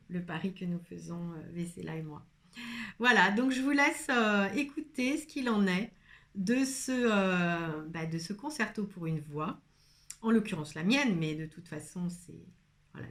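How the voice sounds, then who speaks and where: A woman voice coach talking straight to her viewers in a soft, earnest, meandering way, full of hesitations and fillers. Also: on the low side. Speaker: voice and singing coach. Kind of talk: casual spoken video monologue.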